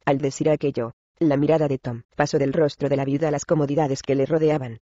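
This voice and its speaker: A man narrating a classic story in Spanish, in measured storytelling style, addressing the listeners as gentlemen. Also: a little high, fairly even intonation, no echo, dull audio. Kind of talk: scripted narration.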